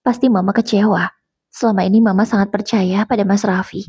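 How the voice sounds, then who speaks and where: A woman narrating an emotional first-person story calmly. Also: medium pitch, brisk, husky.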